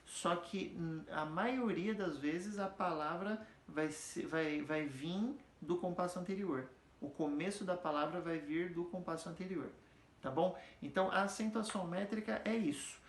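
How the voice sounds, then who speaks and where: This man's voice sits high as he walks his listeners through music theory in a relaxed, chatty lesson, and the room adds a clear echo. He's patient, often pausing with tag questions to make sure they're following along. He demonstrates stress by slowly chanting or singing sample words.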